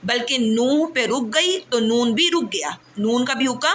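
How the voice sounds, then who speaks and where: Bright-voiced woman teaching recitation. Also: fairly high pitch, lively intonation, slight background noise. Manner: patient, checks understanding often; stretches out recited words slowly. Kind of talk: classroom tajweed lesson.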